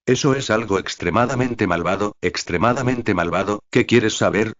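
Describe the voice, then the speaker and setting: A man's voice: lowish voice, normal speed, a bit bright, lightly acted. A man reading the lines of a nervous, stout older professor, defensive and irritable. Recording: dull lo-fi audio.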